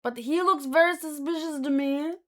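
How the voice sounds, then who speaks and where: Her voice sits high and a bit bright, moving at a moderate pace, as she hosts a manga read-along. She reacts casually, pondering aloud with hesitation and often saying words twice.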